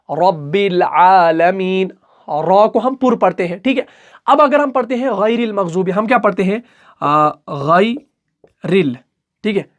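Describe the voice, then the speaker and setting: A man teaching a recitation lesson in an online class. He stretches each example word out slowly and keeps checking in with the listener. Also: high-pitched.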